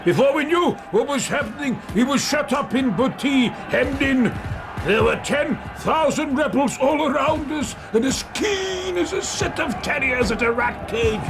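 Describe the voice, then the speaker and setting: In a radio drama, an actor portrays a bitter, crippled older ex-soldier recounting his story in halting, emotional bursts. His rasping voice is pitched very high and heavily acted, with an agitated, fierce mood.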